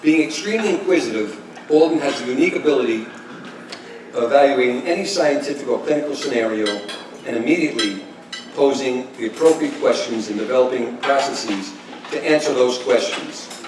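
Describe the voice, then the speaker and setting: A man in his sixties giving a tribute speech, telling stories with chuckles and halting restarts. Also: medium pitch, background noise. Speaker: speaker giving a tribute talk. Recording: echoey room, distant mic, kitchen clatter.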